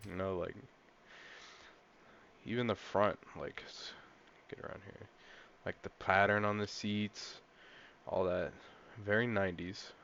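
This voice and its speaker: A young man with a fairly low voice gives casual gameplay commentary, rambling and getting excited as a car enthusiast. The recording is a bit dull and lo-fi, like a cheap mic. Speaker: gaming channel host.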